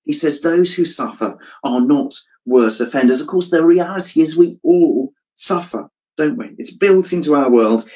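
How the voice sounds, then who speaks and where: A man preaching a reflective sermon, asking rhetorical questions and dropping his voice softly when quoting scripture. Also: mid-range voice, poor audio. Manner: reflective, asks rhetorical questions, drops soft at quotes.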